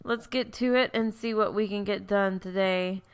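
This woman, congested but smooth-voiced, offers casual commentary as she plays a farming game for her let's play, thinking aloud and revising what she says. Her pitch is medium, her intonation fairly even and her pace moderate.

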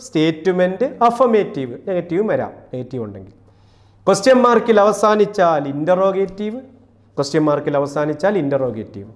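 A man from Kerala teaching English grammar for an exam course, repeating each rule and reading example sentences out slowly. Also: high voice, darkish tone. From Kerala, India. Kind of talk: classroom-style exam lesson.

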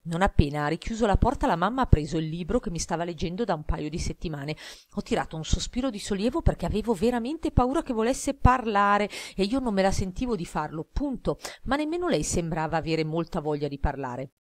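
A woman narrating an audiobook in a measured, expressive reading style. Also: fairly low pitch, no room sound, clean studio sound. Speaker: audiobook reader. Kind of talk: scripted narration.

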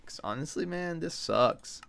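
A young man casually chatting and swearing while live-streaming a video game, griping about his runs and telling stories in an animated way. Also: a little high, a little slow, creaky, a little hiss or hum. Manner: swears a lot, frustrated and animated storytelling.

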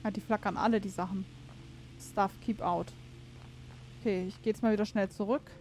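A woman's voice: mid-range voice, fairly even intonation, moderate pace, darkish tone, a little hiss or hum. A woman giving casual let's-play commentary on a horror game, chatting to herself and viewers, cursing and exclaiming when something startles her. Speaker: gaming streamer.

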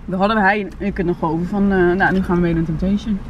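A woman's voice: on the low side, steady tone, rapid-fire, highs cut off. A young woman, a reality TV contestant, chatting candidly and bluntly as a guest. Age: young adult. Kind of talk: casual chat. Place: inside a parked car. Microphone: camera on the dashboard. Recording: distant mic in car, faint hum.

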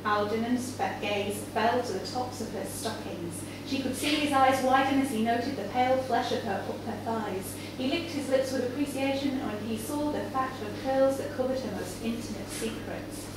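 Recorded from a camera far across an echoey indoor cafe bar, a high-voiced woman reads a story aloud to a small live audience. She keeps a normal speed with few pauses, while noise from the room and the audience is clearly audible.

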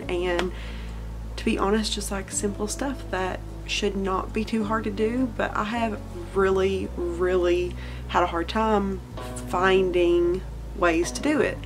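Candid young Southern woman vlogging. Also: medium pitch. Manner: candid, self-conscious and reassuring. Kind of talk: casual chat to camera. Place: cluttered bedroom indoors. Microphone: camera mic at close range.

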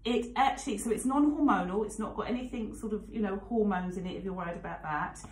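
A woman's voice: mid-range voice, fast talker, a little mellow, a little hiss or hum. Chatty woman presenter in a roomy studio. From England. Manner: chatty, frank, lots of fillers and asides. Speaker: radio beauty presenter. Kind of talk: casual radio chat. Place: radio studio. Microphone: studio microphone.

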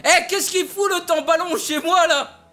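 A man hosting a gaming video, commenting excitedly while playing with a friend, repeating words rapidly and teasing. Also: extremely high pitch, soft background music.

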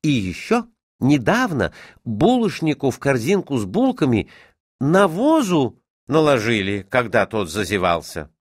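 A man's voice: medium pitch, wildly swooping pitch, unhurried, dry recording, clean studio sound, voice pushed up. A man voicing a bashful young student tutor who stammers when flustered.

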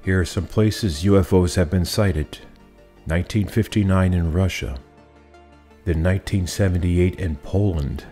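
A middle-aged man with a very low, mellow voice reads a script in an even, measured way. He speaks in a small indoor studio, framed chest up at his desk. Faint music plays beneath him. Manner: steady, measured delivery. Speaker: YouTube host. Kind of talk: scripted narration. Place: indoor studio room with monitors.

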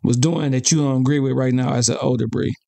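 A man, hosting a podcast in a small home studio, talking fast and hyped with a lot of swearing, into a studio mic. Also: medium pitch, fairly even intonation, creaky, warm tone, no echo. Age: 30s. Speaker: podcast host. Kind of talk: casual interview chat. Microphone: studio mic on boom arm.

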